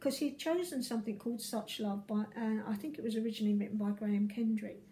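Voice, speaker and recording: A hoarse woman, a vicar, talking in a casual video diary, halting and full of fillers and restarts. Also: a little high, warm tone, a little hiss or hum, rough recording.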